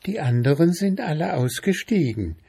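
A man voicing a tiny, calm male chanterelle mushroom in a storybook reading, with a squeaky little voice and a friendly, unbothered manner. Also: normal speed, gravelly, husky, exaggerated voice.

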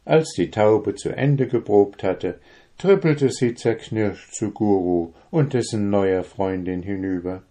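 Male narrator for a fairy tale, slow and mellow. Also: lowish voice. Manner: calm, unhurried. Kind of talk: storybook reading.

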